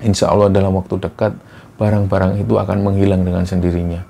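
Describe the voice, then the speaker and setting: A male narrator plays a middle-aged religious teacher who gives calm, steady instructions. His voice is gravelly and dark. The delivery is reassuring and unhurried, in the style of told horror stories. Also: low-pitched, a little hiss or hum, pitched below the performer's own voice.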